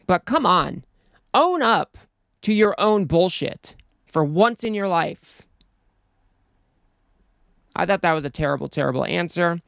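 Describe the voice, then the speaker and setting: A man's voice: high voice, sing-song, measured pace, vocal fry, long pauses, a bit bright, clean tone, no echo, studio quality. A man hosting a political commentary show, talking in an exasperated, scornful way.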